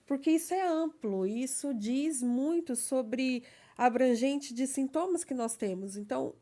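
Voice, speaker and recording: Higher-voiced woman explaining carefully. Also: animated, a little slow, warm tone. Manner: explains carefully, often adding a checking "né?". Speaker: guest, legal assistant. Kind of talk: personal conversational interview.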